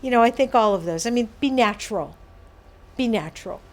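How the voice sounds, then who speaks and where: A woman's voice: fairly high pitch, lively intonation, a little fast. A woman presenting a workshop to an audience, explaining patiently with everyday examples and asides. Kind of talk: educational talk on behaviour management.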